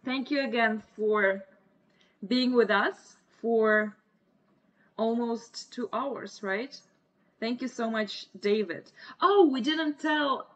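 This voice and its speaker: A woman's voice: on the high side, slow pace, a bit bright. A woman in her twenties from Russia with a Russian accent, hosting a casual livestream chat. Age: 20s. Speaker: livestream host. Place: small indoor room. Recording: muffled lo-fi webcam stream audio.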